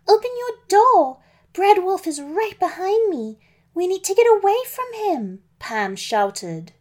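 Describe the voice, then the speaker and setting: A woman narrating a children's storybook in the first person, in a gentle, unhurried reading voice. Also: medium pitch.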